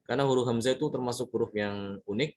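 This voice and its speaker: A man's voice: medium pitch, fast, a little mellow. A man teaching Quran recitation rules in a lesson. He talks patiently, repeating words and examples and checking in with his listeners often. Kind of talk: tajwid lesson explaining examples.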